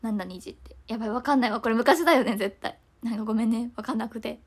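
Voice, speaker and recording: Talking fast and loosely on her livestream, a young woman reads comments from viewers and keeps saying sorry. Her voice is slightly high and husky.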